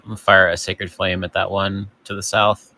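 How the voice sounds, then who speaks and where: A man's voice: low voice, flat delivery, normal speed, bright, forceful tone, no echo. A man playing a tabletop game, decisively declaring his character's actions. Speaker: player.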